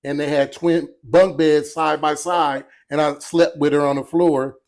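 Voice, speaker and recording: A man's voice: on the high side, flat delivery, measured pace, darkish tone. A man chatting casually as a podcast guest, laughing often and trailing off mid-sentence. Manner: laughing storyteller, trailing off and restarting. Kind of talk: casual chat.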